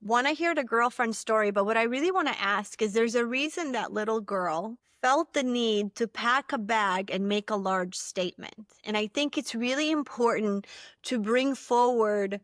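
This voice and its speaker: A woman's voice: fairly high pitch, moderate pace, fairly bright tone, no room sound, studio quality. A woman co-hosting a podcast as a coach, speaking in an upbeat, earnest and encouraging way. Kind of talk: casual chat.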